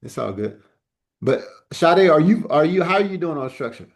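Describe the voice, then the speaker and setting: A man's voice: fairly high pitch, expressive, moderate pace, creaky. Easygoing male trading teacher on a call. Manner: loose and joking, repeats words as he restarts. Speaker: trading instructor. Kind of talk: casual live class on a video call. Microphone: video call.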